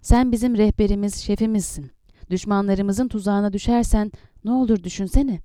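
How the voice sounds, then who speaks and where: A woman reading the lines of an earnest young male warrior captain, pleading and reasoning calmly. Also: mid-range voice, normal speed, no echo, studio quality, close to an everyday voice.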